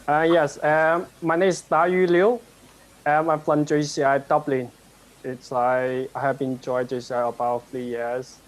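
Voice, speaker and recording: A man introducing himself on a video call with halting, brief answers. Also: on the high side, level tone. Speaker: meeting participant.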